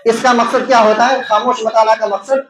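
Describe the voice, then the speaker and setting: A man's voice: extremely high pitch, fairly even intonation, a bit bright. A man with an Indian Urdu accent gives an exam-prep lecture as a teacher. He asks questions and answers them himself, repeating key terms to explain them. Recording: echoey room.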